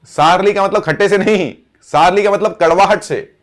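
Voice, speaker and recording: A man teaching English vocabulary, repeating each word slowly as he writes it out. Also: sits high. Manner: slow, repeats words while writing on board. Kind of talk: vocabulary lesson.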